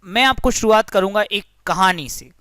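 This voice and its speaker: A man's voice: high-pitched, normal speed, pushed and bright, clear, resonant tone, no echo, studio quality. A young man teaching a physics lesson through a story, friendly and explanatory, often addressing the listeners as friends.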